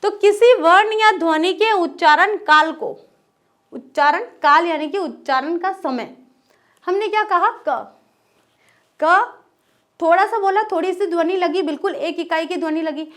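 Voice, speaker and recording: A woman with a very high-pitched voice teaches a grammar lesson in a patient, step-by-step classroom manner. She poses questions and answers them herself, drawing out single vowel sounds as she names them. She checks in with her listeners often. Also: measured pace, fairly bright tone. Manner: repeats "ठीक है" as a check-in.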